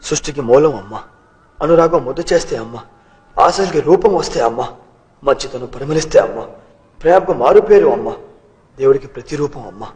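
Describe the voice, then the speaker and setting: A man's voice: fairly high pitch, animated, a little fast, pauses often, a little mellow, long reverb tail, lightly acted. A man playing an emotional young actor reciting. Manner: recites a tribute to mothers with heavy emotion. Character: earnest young male aspiring actor. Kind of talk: film drama dialogue.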